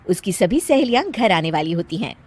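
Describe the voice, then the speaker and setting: A woman's voice: on the low side, slightly rough. A woman narrating a children's cartoon story in a plain storytelling manner. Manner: slow, even storytelling.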